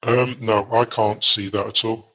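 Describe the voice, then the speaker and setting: A man from England answering interview questions in a measured way, often pausing on fillers. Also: lowish voice, little pitch movement. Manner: measured, hesitant with frequent fillers. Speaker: guest researcher. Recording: dull lo-fi audio.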